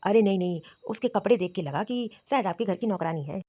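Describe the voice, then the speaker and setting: A blunt middle-aged man, voiced by a woman visiting as a bride's father in a cartoon, quick and plain-spoken. The voice is mid-pitched. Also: animated, dark tone, highs cut off, a little hiss or hum, lightly acted. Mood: suspicious.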